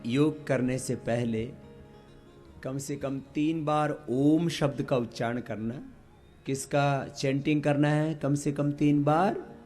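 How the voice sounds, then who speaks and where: A man teaching a yoga class, leading slow chants and having the group repeat after him. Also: on the high side, steady tone, darkish tone, soft background music. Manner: slow, drawn-out chanting and call-and-response teaching. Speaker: yoga instructor.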